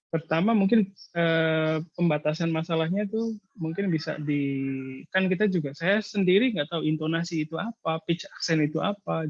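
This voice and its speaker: A man's voice: fairly high pitch, no echo. Guy lecturer advising on a thesis over a video call, lots of uhs, dry muffled sound. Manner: explanatory, hesitant, frequent filler pauses. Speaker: university lecturer. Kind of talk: casual thesis advising in an online seminar.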